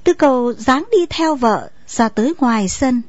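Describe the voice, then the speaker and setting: Woman narrating a story, slightly high. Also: a little slow, no room sound. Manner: steady, storytelling. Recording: dull lo-fi recording, faint music.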